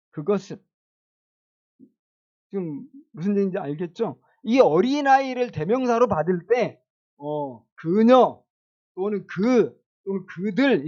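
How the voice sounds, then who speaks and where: A man's voice: high voice, darkish tone, highs cut off. A male pastor preaching a sermon in a casual, conversational way, asking the congregation questions and chuckling now and then.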